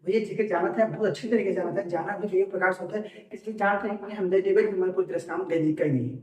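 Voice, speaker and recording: A man with a high-pitched voice and fairly even intonation speaks fast, teaching an exam-prep vocabulary lesson. He drills words by asking a question and answering it himself, recorded from far off in an echoey room.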